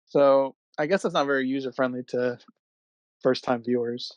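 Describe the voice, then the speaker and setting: A man's voice: medium pitch, steady tone, moderate pace, no echo, muffled recording. A man co-hosting a film podcast, talking in an offhand way and trailing off when he loses his point. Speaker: podcast co-host. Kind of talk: casual chat.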